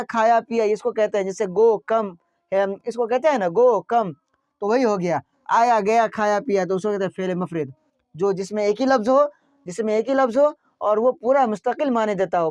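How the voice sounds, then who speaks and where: A man's voice: high voice, moderate pace, no room sound. A man teaching a grammar class, repeating each point and quizzing his listeners with questions. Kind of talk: classroom lesson explaining grammar. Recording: dry, dull lo-fi sound.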